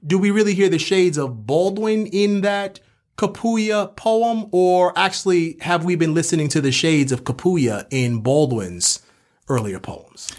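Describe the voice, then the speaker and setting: This man co-hosts a literary podcast and works as a professor, with a voice that sits high, a bit slow and slightly mellow. He sounds reflective and scholarly, though his phrasing stays colloquial.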